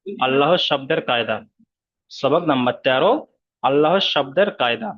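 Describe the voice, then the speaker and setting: A man's voice: mid-range voice, normal speed, lo-fi sound. A man teaching Quran reading in an online class, explaining each rule step by step, repeating it, and drawing out the recited example words.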